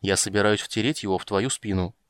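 A man voicing a calm young male mage with a dry, sarcastic, measured manner in an audiobook. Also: on the low side, smooth, dry recording, close to an everyday voice. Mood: firm.

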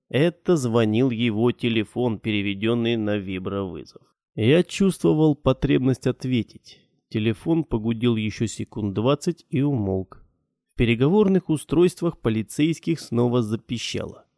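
An audiobook narrator reads in the first person with a gravelly, dark, mid-range male voice. The recording is dry and studio-clean.

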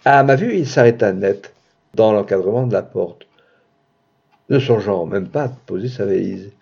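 A man narrating a literary story in a theatrical way, swinging from hushed passages to booming outbursts, heard in a dull lo-fi recording. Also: lively intonation, normal speed, creaky, slightly rough. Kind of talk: dramatic literary audiobook reading.

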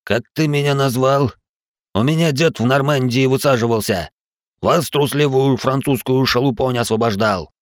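A man's voice: fairly low pitch, expressive, moderate pace, no echo, clean studio sound, close to an everyday voice. A man voicing a hot-headed, crude American soldier type in an audiobook. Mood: angry. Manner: crude, quarrelsome. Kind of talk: audiobook character voice.

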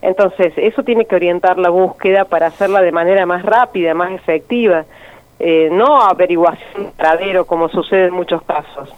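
Female activist calling in, earnest and deliberate, thin phone-line sound. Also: lowish voice. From Argentina. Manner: earnest and measured, repeating words. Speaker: activist guest. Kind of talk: phone interview.

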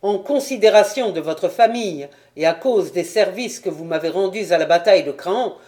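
Lady doing a stern tired duke, grave and measured, low-key mellow voice. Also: lively intonation, lightly acted. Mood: reproachful. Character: weary, stern male nobleman and commander.

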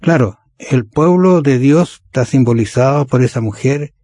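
Mellow-voiced male religious radio host. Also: mid-range voice, moderate pace, no echo, studio quality. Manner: conversational, asks rhetorical tag questions. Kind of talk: casual religious conversation.

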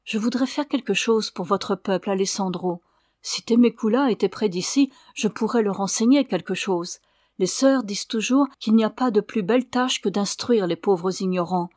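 A woman's voice: mid-range voice, normal speed, a little mellow, dry recording, studio quality, lightly acted. A woman reading the lines of a tender, sincere young orphan girl in an audiobook.

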